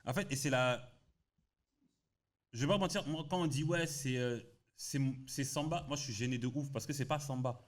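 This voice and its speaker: A man from France, a podcast guest, telling a story in lively, slangy casual chat. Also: mid-range voice, normal speed.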